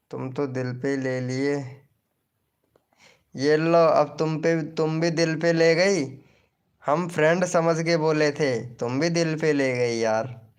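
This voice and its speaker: A man's voice: a little high, clear, resonant tone. A man hosting a live stream in casual chat, teasing viewers and reading their comments aloud. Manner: slow, teasing, chatty banter with viewers.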